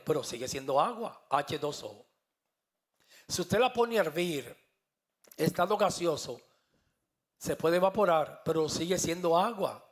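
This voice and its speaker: A man's voice: fairly high pitch, gravelly. A man preaching a sermon as pastor, fervent, climbing to emphatic peaks.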